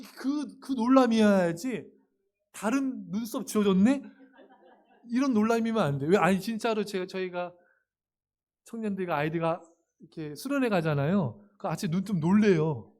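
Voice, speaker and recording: Male pastor, sermon, high voice, animated, talks directly to the congregation, acts out quotes with humor. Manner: addresses the congregation directly and often.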